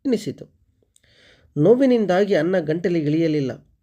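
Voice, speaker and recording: A man reading a short story aloud as narrator and teacher, steady and expressive. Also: fairly high pitch, a little slow.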